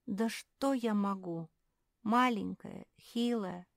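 A woman voicing a tiny, gloomy female jerboa in a storybook, with a squeaky, sulky voice. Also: lively intonation, moderate pace, dry recording, clean studio sound, close to an everyday voice. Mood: glum.

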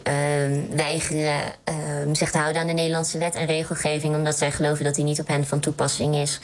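A woman answers interview questions through a voice disguise that shifts her pitch down to a deep, artificial register. Her tone stays flat and low throughout. She speaks hesitantly, with frequent fillers and restarts. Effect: voice distorted, pitch shifted deep for anonymity. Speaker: intelligence analyst.

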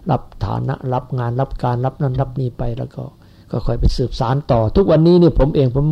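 A man's voice: mid-range voice, vocal fry. A man in his seventies giving a rambling, folksy Buddhist sermon to followers. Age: 70s. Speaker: Buddhist teacher. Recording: lo-fi dull recording.

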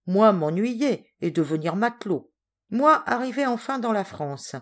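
A woman doing a booming, hearty sailor man. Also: animated, unhurried. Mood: loud, storytelling. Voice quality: broken pidgin French, booming. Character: burly sailor man in his forties, hearty and blunt.

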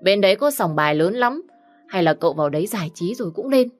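A woman's voice: mid-range voice, lively intonation, fast talker, soft background music, natural voice. A woman voicing a young house maid who speaks up bluntly and chattily. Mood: eager. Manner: chatty, outspoken.

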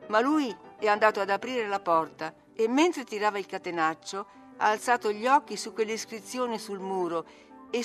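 A woman narrates a classic novel in a measured, expressive reading voice. Her pitch sits mid-range for a woman. Soft music runs faintly beneath. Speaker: audiobook reader. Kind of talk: literary audiobook narration.

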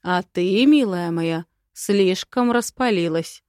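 A woman voicing a calm, stern dragon prince. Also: on the low side, slow, no room sound, studio quality. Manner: calm, firm.

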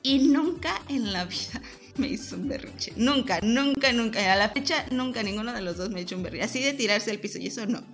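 Lively Mexican woman telling stories. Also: fairly high pitch, fairly quick, soft background music. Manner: lively storyteller, laughs often, acts out voices. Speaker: podcast host. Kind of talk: casual chat.

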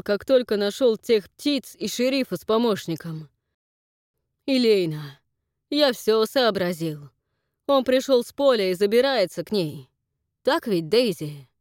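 A frightened, paranoid middle-aged father, as a female audiobook reader puts him on, loud and frantic. He pleads and shouts in agitated bursts, in a very dry, close sound. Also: sits high, expressive, unhurried, dry recording, voice pushed up. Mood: grim agitated. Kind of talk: audiobook character voice.

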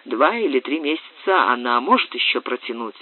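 A man reading the part of an imperturbable, cold-blooded doctor in an audiobook, speaking calmly. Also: mid-range voice, moderate pace, lightly acted. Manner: calm, unruffled. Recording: tinny, dry, phone-like audio.

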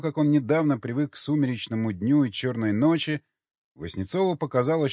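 A man's voice: medium pitch, a little mellow, dry recording. A man narrating an audiobook in a tense, dramatic reading. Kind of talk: scripted narration. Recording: dull lo-fi audio with faint music.

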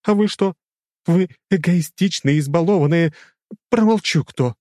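A man's voice: a little high, measured pace, a little mellow, dry recording, studio quality, voice pushed up, close to an everyday voice. A man voicing an indignant young noblewoman who lectures others with scorn. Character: haughty scolding young noblewoman.

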